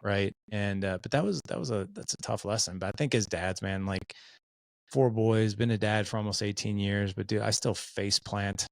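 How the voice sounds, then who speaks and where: Gravelly-voiced man telling a story. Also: on the low side, steady tone, normal speed, no room sound. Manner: candid, loose, peppered with "like" and "dude". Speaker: podcast guest. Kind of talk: casual storytelling chat.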